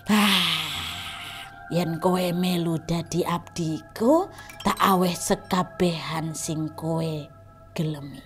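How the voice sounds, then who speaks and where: A woman voicing a sinister female sundel bolong ghost who poses as a mother, speaking low, slow and hushed over faint music. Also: animated, close to an everyday voice. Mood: menacing whisper.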